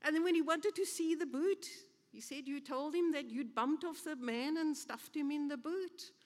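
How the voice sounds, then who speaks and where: A woman preacher voicing an irritated male police supervisor, brisk and impatient, in an echoey hall. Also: sits high, pitched above the performer's own voice, close to an everyday voice.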